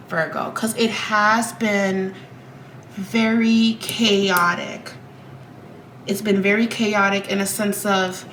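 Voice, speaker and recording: A tarot reader at home speaks directly to her viewers, emphatic and repetitive, while still recovering from a cold. Her mid-range voice comes with a slight amount of background noise.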